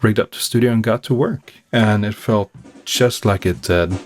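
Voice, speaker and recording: A man with a Norwegian accent, the band's singer and songwriter, talking through its story in an interview in a relaxed way. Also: lowish voice, moderate pace. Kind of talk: recorded interview conversation.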